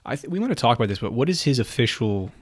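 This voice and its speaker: A man's voice: mid-range voice, very animated, racing, no room sound, clean studio sound. A man co-hosting a podcast, chatting casually about a movie, curious and hesitant, full of questions. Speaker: podcast co-host. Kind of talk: casual movie commentary chat. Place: indoor room.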